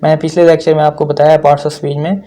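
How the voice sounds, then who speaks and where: Soft-toned man teaching grammar, mellow voice. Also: a little high, little pitch movement. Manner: explains slowly, repeats words and checks with frequent "theek hai"; mixes Hindi-Urdu with English phrases. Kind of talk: recorded lecture.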